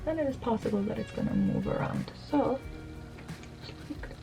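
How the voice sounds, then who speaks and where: A woman's voice: on the high side, moderate pace, creaky, over music, poor audio. A woman in her thirties from Iran, chatting candidly with many fillers as she does her makeup for a question-and-answer video, filmed in her bedroom at home by a camera on the desk. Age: 30s. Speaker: beauty blogger. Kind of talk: get-ready-with-me Q&A chat. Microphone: camera at desk distance.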